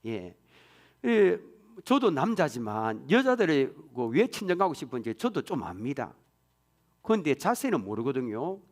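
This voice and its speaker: A pastor preaching a sermon in a church, swinging from hushed whispers to loud exclamations. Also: male voice, mid-range voice, very animated, unhurried.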